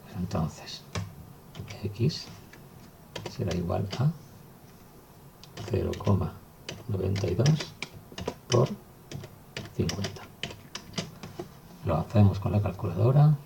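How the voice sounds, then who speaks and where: Guy teaching math slow and step by step, low gravelly voice, faint hiss and typing behind. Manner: calm, step-by-step explaining while writing. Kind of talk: recorded math lesson.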